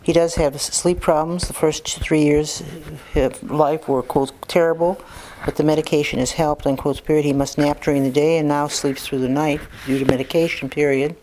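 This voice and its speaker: A clinician dictating a report, speaking punctuation marks aloud and spelling out names, steady and matter-of-fact with occasional fillers. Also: medium pitch, moderate pace, slight background noise, poor audio.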